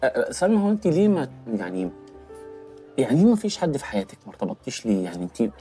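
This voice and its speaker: A man's voice: mid-range voice, sing-song, rapid-fire, mellow, soft background music, natural voice. An actor playing an awkward young man who stammers and hesitates with many fillers, speaking Egyptian Arabic. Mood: nervous. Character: awkward young man confessing love, nervous. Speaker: leading man in a comedy drama series.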